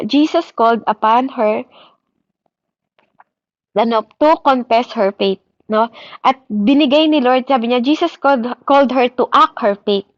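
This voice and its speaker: A woman's voice: on the high side, no echo. A woman preacher delivering a sermon, switching between Tagalog and English and asking her listeners "di ba?" after nearly every point. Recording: dry, slightly dull recording.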